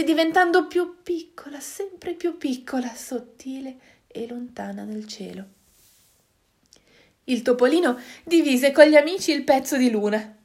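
A woman reading a children's story aloud, expressive, with dramatic hushed moments. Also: high-pitched.

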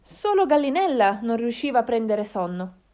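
A woman narrating a children's storybook in a slow, expressive reading. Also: fairly high pitch.

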